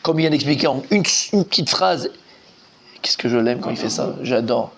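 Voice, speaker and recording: A man giving an informal, animated Talmud class, quizzing his students and repeating key points. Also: mid-range voice, moderate pace, gravelly, a little hiss or hum. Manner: lively, animated, asks students questions, repeats himself. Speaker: rabbi teaching Talmud.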